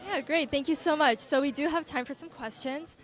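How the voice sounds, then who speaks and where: A woman's voice: high voice, a little fast. A woman moderating a presentation session, upbeat and polite as she invites questions.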